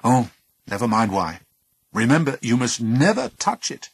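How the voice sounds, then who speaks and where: A stern husband, voiced by a man, sharp and firm. His delivery is measured and lively in pitch. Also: husky, no room sound.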